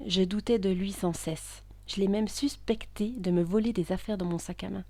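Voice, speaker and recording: A woman narrating a first-person story in a hushed, intimate voice that is often whispered, with tense outbursts. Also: medium pitch, steady tone, normal speed, dry recording.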